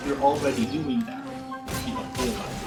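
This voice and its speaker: A man with a medium-pitched voice talks at a normal speed with fairly even intonation while streaming a game, chatting casually and rambling, restarting as he thinks aloud. Other people are in the room with him. The recording sounds roomy and off-mic, with loud game music in the background.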